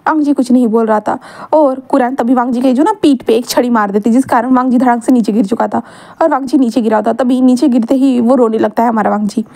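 A woman's voice: on the high side, fairly even intonation, quick pace, gravelly, warm tone. A woman narrating a fan story casually, with chatty asides and self-corrections.

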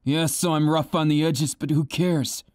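A man's voice: a little high, fairly even intonation, moderate pace, very noisy, close to an everyday voice. A man voicing a cocky, villainous teenage boy in a fan audio drama, taunting and menacing, at times stammering as he feigns nerves. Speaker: voice actor.

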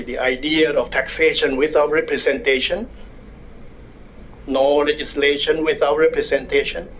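An older Thai man with a medium-pitched voice speaks at a desk microphone as a guest at a university public forum, giving a public lecture in a conference room. He is wry and measured, with self-deprecating humor, and the low-quality recording carries a little hiss or hum.

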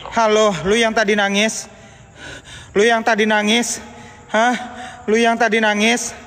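A man with streaming a ghost hunt, nervously calling out into the dark on a handheld phone. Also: sits high, little pitch movement, measured pace. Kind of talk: live ghost-hunting stream. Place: empty haunted building indoors. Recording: reverberant hall with faint noise.

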